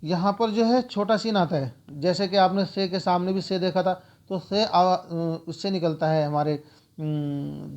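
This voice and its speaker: A man gives a beginner's lesson on reading letters, saying each one, repeating it and explaining how it sounds. His voice sits a little high and his manner is steady and methodical. The recording is somewhat muffled and lo-fi. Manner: slow, repetitive letter-by-letter explaining. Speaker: teacher. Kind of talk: spoken lesson on the alphabet.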